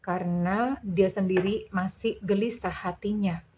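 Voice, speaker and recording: A woman giving a tarot reading, gentle and measured, calling the listener dear. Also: medium pitch, steady tone, slight background noise. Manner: slow, measured listing. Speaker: tarot reader.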